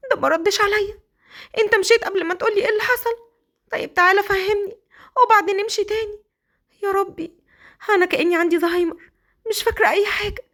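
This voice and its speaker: High squeaky flustered young bride, egyptian lady voicing her, excitable, almost crying, storybook romance. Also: fast talker, long pauses. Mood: baffled. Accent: Egyptian Arabic. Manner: high-pitched, excitable, near tears.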